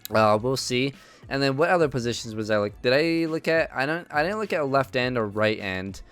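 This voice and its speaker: A man's voice: mid-range voice, lively intonation, moderate pace, fairly bright tone, clean tone, soft background music. A man giving casual gameplay commentary, thinking aloud with many ums and uhs. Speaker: video game commentator.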